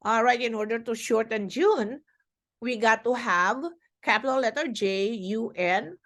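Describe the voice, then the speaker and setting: A woman teacher explaining a classroom lesson to young children, slow and deliberate, with fillers as she goes. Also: a little high, fairly bright tone.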